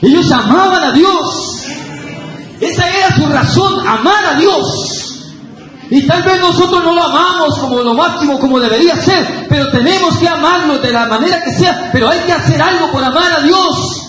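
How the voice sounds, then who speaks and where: A man preaching a fervent Pentecostal sermon, breaking into shouted emphases. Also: very high voice, normal speed. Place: church sanctuary. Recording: very echoey church hall, faint hiss.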